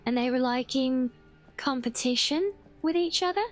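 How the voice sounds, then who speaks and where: A woman's voice: high voice, moderate pace, soft background music. A woman giving casual, rambling game commentary, thinking aloud as a streamer.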